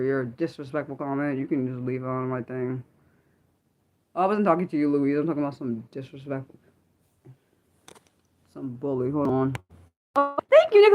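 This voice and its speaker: This is a woman in her 30s hosting a livestream with no script, chatting casually with viewers and reading their comments. Her voice sits low and the audio is dull. She rambles, corrects herself, and swings between excited and subdued energy.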